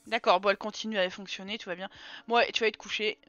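A woman's voice: medium pitch, fairly even intonation, very fast, fairly bright tone. A young woman from France chatting casually over gameplay, teasing the characters she controls. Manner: chatty, teasing, talks to her game characters. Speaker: streamer. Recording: dull lo-fi sound with game music behind.

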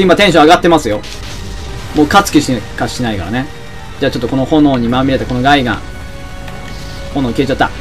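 A young man giving excitable let's-play commentary, often shouting and laughing at the action. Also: on the high side. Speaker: game commentator.

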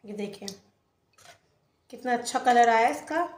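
A woman's voice: a little high, unhurried, roomy sound. A woman hosting a cooking channel, narrating a home recipe step by step as she works in her kitchen. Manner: plain, explains each step as she works.

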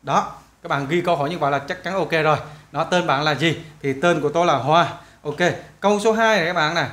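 A man teaching English to schoolchildren in a casual, chatty walkthrough, often repeating phrases and spelling out English questions slowly; his first language is Vietnamese. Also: on the high side, fairly bright tone.

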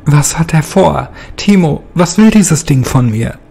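A man's voice: a little high, lively intonation, a little slow, creaky, mellow, a little hiss or hum, voice pushed up. A man voicing a terrified young man who begs his brother for help in a horror story reading.

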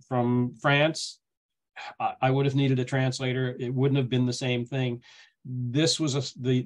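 A man's voice: mid-range voice, darkish tone. A middle-aged man from Canada giving a talk, telling stories in a rambling way with many restarts. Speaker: guest speaker. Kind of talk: casual storytelling talk.

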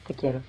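Chatty young woman vlogging. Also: mid-range voice. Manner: chatty, jokey, animated, acts out quoted voices. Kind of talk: casual chat to camera.

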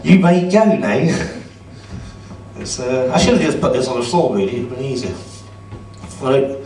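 A man's voice: medium pitch, expressive, brisk, a little mellow, slight background noise. A middle-aged man doing a stand-up comedy set in a club, chatty and sarcastic as he teases the crowd. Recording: roomy audio from a distance.

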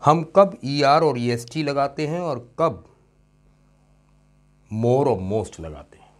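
A man's voice: mid-range voice, lively intonation, takes it slowly. A male English teacher giving a classroom grammar lesson. He stretches out example words and repeats them, and he keeps checking that his students follow. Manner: addresses students warmly as "son" and checks understanding with "okay?".

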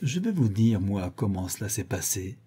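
A man reading an audiobook, voicing a stern, shrewd woman who questions her servants in a measured, deliberate way. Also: fairly low pitch, big pitch swings, mellow, slightly rough, full character voice. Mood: cold.

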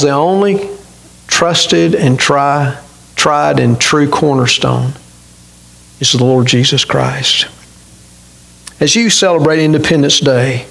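A man's voice: fairly high pitch, creaky, fairly bright tone, rough recording. A middle-aged man preaching a sermon from a church pulpit, earnestly putting questions to his congregation. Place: church sanctuary, indoors, at a pulpit.

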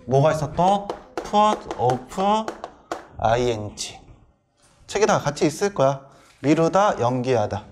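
With a fairly high voice and big swings in pitch, a middle-aged male instructor lectures on English grammar, tossing rapid questions to the class and supplying the answers himself. There's slight background noise.

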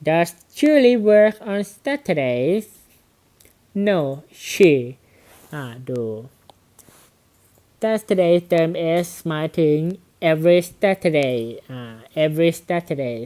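A male English teacher talks through a grammar exercise in a smooth, clear voice. He drags out each example sentence very slowly, word by word, then asks his students questions about it. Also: fairly high pitch, expressive, a little mellow. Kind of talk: grammar lesson explanation.

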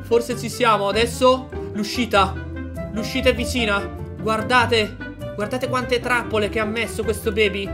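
A man giving excited gameplay commentary as a video host, energetic and playful, often shouting and yelping. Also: sits high, normal speed. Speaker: gaming YouTuber. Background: background music.

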